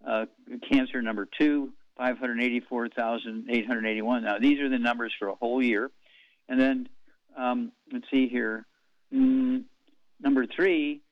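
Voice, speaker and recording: A man's voice: medium pitch, dry recording. Rambling older man on lo-fi radio. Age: 80s. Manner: rambling, slow, reads out figures with many fillers. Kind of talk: talk radio monologue. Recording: dull lo-fi radio sound.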